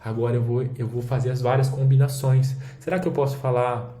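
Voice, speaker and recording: Brazilian man teaching with a mellow voice. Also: mid-range voice, fairly even intonation, fairly quick. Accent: Brazilian Portuguese. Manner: casual, explanatory, frequent "tá?" check-ins. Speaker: language teacher. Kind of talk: screen-share demo lesson. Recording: roomy echo, faint background noise.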